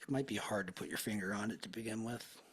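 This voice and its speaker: A man with a deep, slightly husky voice talks a client through a hypnosis session. He keeps it slow, soft and soothing, easing into near-whispers as he guides.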